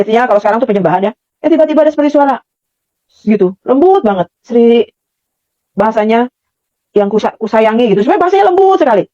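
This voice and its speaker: A middle-aged woman tells her personal testimony at a rapid, earnest pace, often repeating phrases. Her voice sits fairly high but sounds mellow. The recording is dry and somewhat dull. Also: dry recording. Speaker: testimony speaker.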